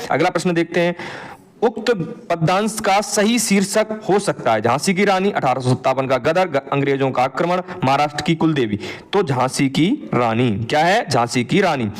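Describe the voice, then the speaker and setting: Man teaching, quizzing, a bit high. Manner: asks students questions and answers them himself. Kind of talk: exam answer walkthrough.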